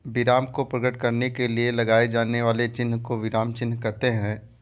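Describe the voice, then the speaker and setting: A man teaching a grammar lesson over a screen recording, explaining slowly and repeating terms. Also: mid-range voice, muffled recording. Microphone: phone or screen recorder mic.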